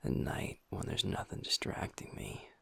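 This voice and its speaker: A man voicing Ash, a gentle young werewolf boyfriend and pack beta, weighed down by guilt, talking softly and intimately to his partner in an audio roleplay. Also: moderate pace, dry recording, whispered, lightly acted. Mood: subdued. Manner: soft, hushed, intimate talk to a partner.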